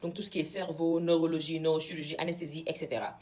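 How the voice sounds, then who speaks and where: A woman's voice: sits low, fast talker. A young woman from Senegal, a medical student, telling a story casually and with indignation, switching between French and Wolof. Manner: animated, indignant retelling.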